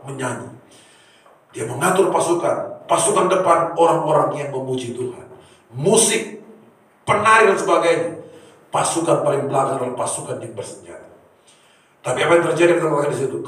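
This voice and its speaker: A man preaching a sermon to a congregation, swinging from soft asides to shouted high peaks. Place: church hall. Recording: echoey church from far off.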